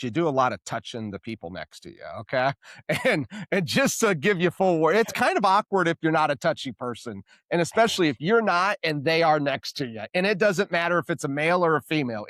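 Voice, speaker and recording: A man's voice: a little high, no echo, clean studio sound. A man hosting a podcast, telling a story in casual chat and acting out the voices in it. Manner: animated storyteller, acts out quoted voices. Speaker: podcast host.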